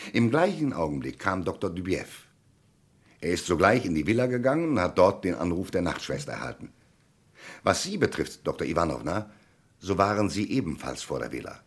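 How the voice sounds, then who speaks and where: In a German radio crime play, a man with a low, animated, husky voice plays a shrewd commissioner in a heavily acted performance. He conducts a methodical, probing, declamatory interrogation, insistently laying out each point and pressing for answers with theatrical emphasis.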